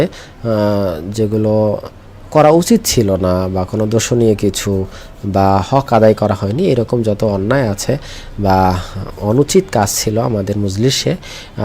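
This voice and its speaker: With a low, darkish voice over a faint hiss or hum, this man patiently teaches Quran reading and Arabic letters. He drills pronunciation by saying each letter again and again and having learners echo it back in call-and-response.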